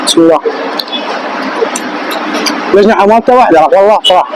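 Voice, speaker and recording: A man's voice: high-pitched, fast talker. A man with an Iraqi Arabic accent hosting a casual street food vlog in colloquial speech with short questions and catchphrases. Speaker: food vlogger and host. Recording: noisy outdoor street with traffic.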